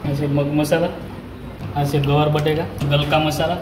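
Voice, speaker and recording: A man's voice: fairly high pitch, little pitch movement, moderate pace, reverberant, noisy background. A man on a restaurant's staff, naming the dishes on a thali in a brief, matter-of-fact way.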